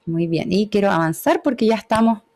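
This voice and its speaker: A woman's voice: medium pitch, animated, a little fast, a little mellow. A woman gives an online lecture on communication over a video call. She explains patiently and often checks in with short tag questions. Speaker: webinar speaker.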